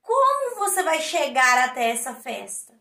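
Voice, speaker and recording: A woman's voice: high-pitched, big pitch swings, a little slow, pushed and bright, heavily acted. A woman with a Brazilian accent voicing a grumpy, boastful male vulture musician in a children's story, in a mock-stern, scolding tone. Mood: gruff. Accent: Brazilian Portuguese. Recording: echoey room.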